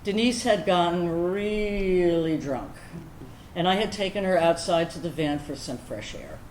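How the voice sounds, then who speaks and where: A fairly low-pitched actress performs a first-person monologue as a candid woman veteran in a staged reading. Tender and amused, she tells her tale confessionally and wryly, like a conversation, with deliberate pauses. The lively performance sits in a roomy, echoing stage recording with noise behind it.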